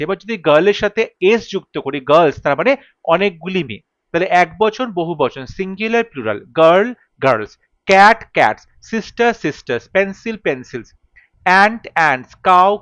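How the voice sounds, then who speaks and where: A man's voice: high-pitched, a bit bright, no room sound. A man with a Bengali accent teaching an English grammar lesson, patiently spelling out letters and repeating word pairs. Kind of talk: lesson explanation.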